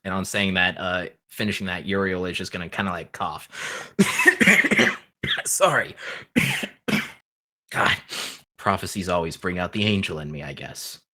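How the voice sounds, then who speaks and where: A man's voice: sits low, fairly even intonation, a little fast, bright, forceful tone. A man playing a tabletop role-playing game, casually narrating and speaking for his character.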